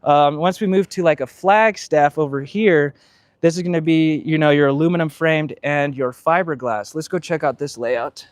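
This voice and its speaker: An RV salesman gives a casual live-stream walkthrough of travel trailers, moving inside and around them on a dealership lot while chatting, explaining, and using lots of fillers as he sweats in the heat. His voice sits on the high side at a moderate pace.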